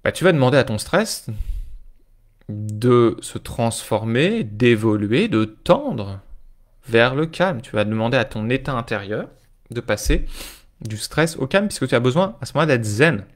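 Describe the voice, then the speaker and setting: A man's voice: medium pitch, sing-song, unhurried. A male life coach giving a live-streamed talk, speaking informally to viewers and checking in with them often.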